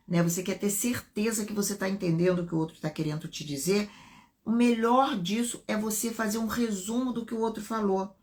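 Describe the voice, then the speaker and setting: A woman's voice: medium pitch, darkish tone. A middle-aged woman with a Brazilian Portuguese accent, hosting a live talk and explaining as she goes, often repeating phrases and checking in with "né?". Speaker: live stream host and self-development speaker. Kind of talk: unscripted live talk on relationships.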